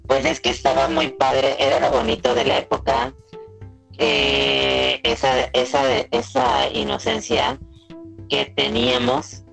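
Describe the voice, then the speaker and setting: A woman's voice: rumbling low, big pitch swings, slow pace, creaky, a bit bright, faint music behind. A woman with a Mexican accent chatting candidly on a video call, her voice coming through robotic and glitchy from a breaking-up connection. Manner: candid, chatty, laughing often. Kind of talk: casual chat on a recorded conversation.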